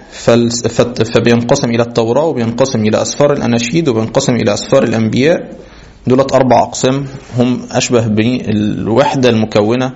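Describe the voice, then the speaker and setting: A man with an Egyptian accent giving a lesson in a halting way, full of fillers and restarts. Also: mid-range voice, gravelly, darkish tone. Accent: Egyptian Arabic. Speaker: teacher. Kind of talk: lecture. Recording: dull lo-fi sound.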